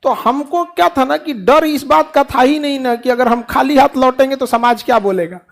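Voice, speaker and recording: In a very high voice with vocal fry, at normal speed, a middle-aged man gives his students a motivational talk. Rhetorical questions and playful mimicked dialogue run throughout.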